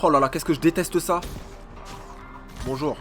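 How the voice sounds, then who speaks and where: A man giving excitable, slangy live commentary over his own gameplay as a YouTuber, swearing often and talking at his opponents. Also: fairly high pitch, normal speed, soft background music. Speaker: gaming YouTuber.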